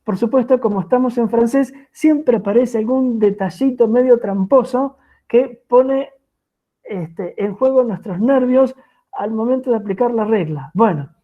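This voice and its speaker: A woman's voice: fairly high pitch, mellow. A woman with an Argentine Spanish accent teaching French grammar in an online class, patient and checking in with her students often. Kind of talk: online lecture explaining grammar. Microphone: video call. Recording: tinny phone-like video call audio.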